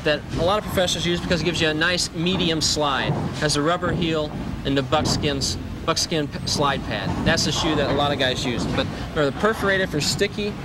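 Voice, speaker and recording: Recorded at an indoor bowling alley that's very noisy, a man in his thirties who bowls professionally explains grips and shoes for an instructional video. Using a lapel mic, he speaks a little high and a little fast, repeating the key points.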